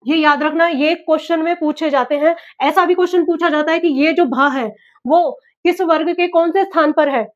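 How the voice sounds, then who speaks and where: High-voiced woman drilling a lesson. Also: moderate pace, dull audio. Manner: repetitive, drilling, asks and answers own questions. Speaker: teacher. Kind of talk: exam-prep classroom lesson.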